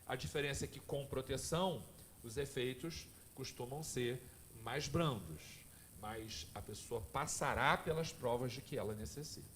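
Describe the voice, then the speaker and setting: A man's voice: mid-range voice, normal speed, a little hiss or hum. A man lecturing at a spiritist family course, telling personal stories and speaking straight to the audience in a conversational way. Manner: lively, conversational, addresses the audience directly.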